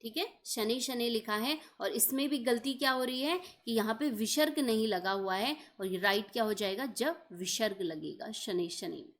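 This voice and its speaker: A woman's voice: fairly high pitch, normal speed, hardly any pauses, fairly bright tone. A woman teaching an exam-prep lesson, explaining each point step by step and checking in often.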